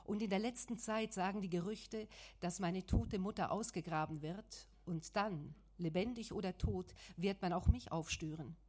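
A woman reading the lines of an angry, grieving man who accuses and defies, loud and bitter, in an audiobook. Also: mid-range voice, normal speed, lightly acted. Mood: angry, accusing.

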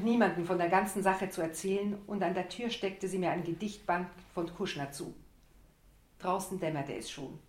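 A woman reading a story aloud as scripted narration, expressive and acting out the dialogue. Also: fairly low pitch. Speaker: audiobook reader. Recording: roomy echo.

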